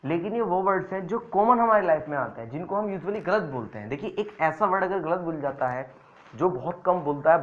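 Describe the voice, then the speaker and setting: A man's voice: fairly high pitch, a bit bright, highs cut off. A man teaching a classroom lesson, patiently explaining and repeating examples. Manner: explains patiently, repeating examples, mixing English phrases into Hindi. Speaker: English teacher.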